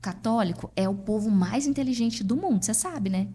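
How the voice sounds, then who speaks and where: A Brazilian woman, a podcast guest, telling a personal story in a lively way and acting out what people said. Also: mid-range voice, brisk, breathy edge. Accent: Brazilian Portuguese. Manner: lively, acts out dialogue in her stories. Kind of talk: personal storytelling in casual chat.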